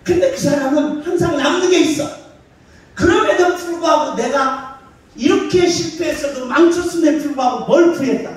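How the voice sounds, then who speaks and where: During a sermon, a male pastor asks the congregation questions and answers them on his own, speaking at normal speed in a very high voice. The mic sits far away in the echoey hall of a church sanctuary.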